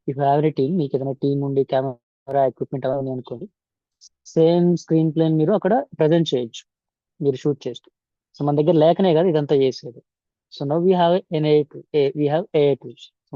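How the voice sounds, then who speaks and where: A man's voice, on the high side, guides viewers step by step through software in an informal indoor voice-over for a screen recording. He has a Telugu accent, switches between Telugu and English mid-sentence, and repeats instructions. The recording has no room sound, with the highs cut off.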